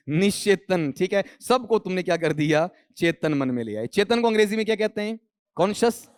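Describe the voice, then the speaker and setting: A man's voice: high-pitched, no echo, clean studio sound. A man teaching English grammar to a class in a lecture, calling students beta and quizzing them, then answering himself. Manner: mixes English grammar terms into his Hindi.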